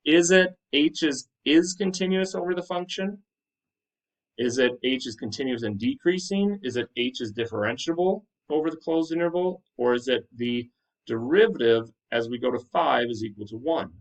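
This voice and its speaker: A man speaks as a teacher to his class in a medium-pitched voice. He explains things in an instructive manner and checks understanding with questions. The microphone sits at some distance from him. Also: expressive, normal speed. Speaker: high school math teacher.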